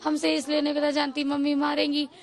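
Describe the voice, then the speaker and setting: A woman in her forties, a mother giving an interview, recounting events in a steady stream, acting out quoted speech and repeating phrases. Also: high voice, a little fast. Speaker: victim's mother interviewed by reporter. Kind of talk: tearful-free eyewitness account in a news interview.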